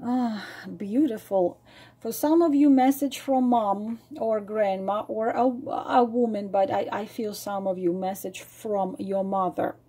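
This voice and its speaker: A tarot reader and psychic speaks slowly in a husky, medium-pitched voice with fairly even intonation, her voice starting to give out. She gives viewers a spontaneous spoken reading, repeating phrases for emphasis and sometimes dropping to a soft, breathy near-whisper.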